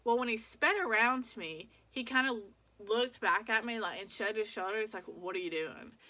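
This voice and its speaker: Twenties woman, vlogger; animated storyteller, bright tone. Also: fairly high pitch, normal speed. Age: 20s. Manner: animated retelling with many "like"s and acted quotes. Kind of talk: casual storytime.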